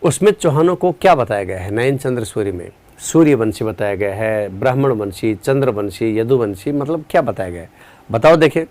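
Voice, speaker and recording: Man teaching a live online class, calm and unhurried, tired end-of-day energy, mid-pitched voice, quizzes students.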